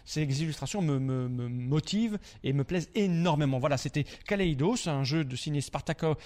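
A man's voice: a little high, brisk, darkish tone. A man presenting a weekly board game review segment, explaining the rules in a chatty, direct way to the host.

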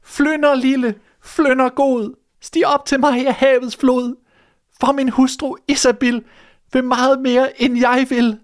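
A man doing a high, frightened old fisherman. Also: level tone. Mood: desperate. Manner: pleading, high and strained. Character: poor frightened fisherman, middle-aged man.

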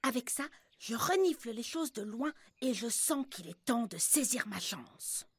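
A woman's voice: fairly high pitch, lively intonation, a little slow, slightly rough, dry recording, pitched above the performer's own voice, heavily acted. A woman voicing a confident young male pirate in a storybook reading, cheerful and self-assured.

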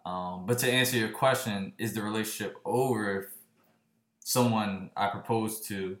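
Podcast co-host, man, late twenties, lowish voice, stop-start delivery, echoey room. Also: steady tone, fairly bright tone. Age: late 20s. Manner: halting, restarts often. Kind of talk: casual chat.

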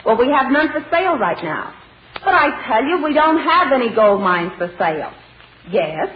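A performer playing a saloon partner with dry, deadpan replies in a 1930s radio comedy. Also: high voice, normal speed. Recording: echoey muffled old radio broadcast.

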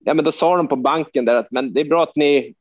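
A man's voice: on the high side, no room sound. A man from Sweden rambles through a story as a podcast guest, full of fillers and blunt curses. His voice is dry and close, with a dull, slightly muffled sound. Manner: rambling, swears freely, many fillers. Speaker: hockey player guest. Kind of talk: casual anecdote telling.

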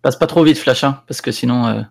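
Raspy guy with lots of fry, co-hosting, joking around casually. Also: medium pitch, a little fast, a little mellow. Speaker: awards show co-host.

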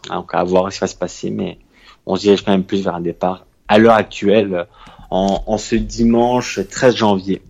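Low-pitched man, podcast co-host, self-mocking humor. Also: steady tone, moderate pace, gravelly, darkish tone, highs cut off. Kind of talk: casual chat about Italian football.

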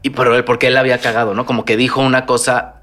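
A Mexican man chatting casually as a podcast guest, spinning personal anecdotes and slipping into the voices of the people he quotes. His pitch is middling, and his delivery stays expressive and conversational throughout. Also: rapid-fire. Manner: storytelling, animated, acts out quoted dialogue. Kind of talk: casual chat.

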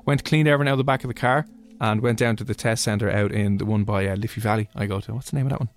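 A man's voice: on the low side, racing. A man with an Irish accent hosting live radio in a casual, rambling way, often interrupting himself. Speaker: radio host. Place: radio studio.

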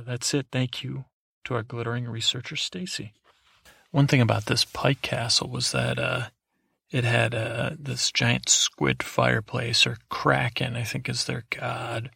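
A man with a gravelly, raspy voice reading articles aloud in a casual podcast style, stumbling now and then over words. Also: mid-range voice, bright, forceful tone, no echo, clean studio sound.

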